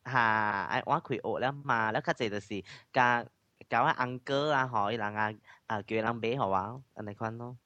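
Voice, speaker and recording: A man's voice: mid-range voice, normal speed, bright, forceful tone, dry recording, highs cut off. A man in casual chat, explaining things plainly and mixing in English words.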